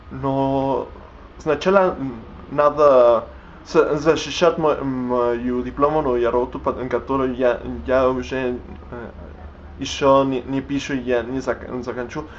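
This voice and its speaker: In an unscripted vlog, a young man who learned Spanish first stumbles through his second language, halting often with fillers and restarted words. His pitch sits in an ordinary middle range. The recording is a little dull and lo-fi, with faint hiss underneath.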